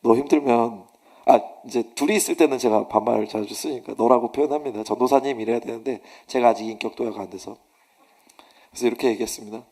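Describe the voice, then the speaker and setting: A middle-aged male pastor giving a sermon, telling stories with animated delivery and acting out shouted quotes. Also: mid-range voice.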